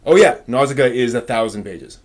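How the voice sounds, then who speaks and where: Replying to viewers' comments on a laid-back live stream, this man speaks in a mid-range voice with lively intonation. His answers come after thinking pauses and land as firm, emphatic opinions.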